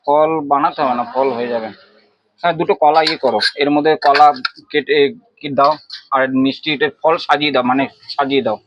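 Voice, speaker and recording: A man acting as temple priest, briskly directing devotees as they set out offerings and chanting prayers during worship. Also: on the high side, fairly even intonation, muffled recording, slight background noise. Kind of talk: live devotional worship vlog.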